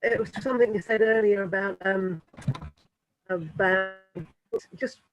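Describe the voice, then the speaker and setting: A woman's voice: medium pitch, unhurried, dull audio, faint music behind. A woman speaking hesitantly on a video call, her audio breaking up and dropping words, with many fillers and restarts. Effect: audio cutting out on a video call. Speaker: meeting participant. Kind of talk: casual chat on a video call.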